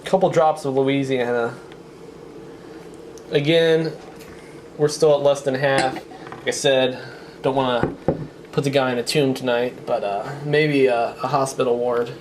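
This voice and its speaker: A man's voice: mid-range voice, fairly even intonation, measured pace, pauses often. A man hosting a casual food challenge web show, speaking in a wordy, mock-formal way. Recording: clearly noisy background.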